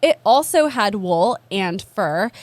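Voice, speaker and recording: A woman's voice: mid-range voice, animated, slow, dry recording. A young woman co-hosting a podcast, telling an odd history story in a casual, self-deprecating way, full of "like". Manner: chatty, self-deprecating, lots of "like". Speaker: podcast co-host. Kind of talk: casual comedic history chat.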